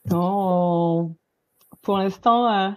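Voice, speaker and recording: A woman's voice: on the low side, very slow, a little mellow. A woman hosting an online webinar, upbeat and a little hesitant, with many fillers. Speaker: webinar host.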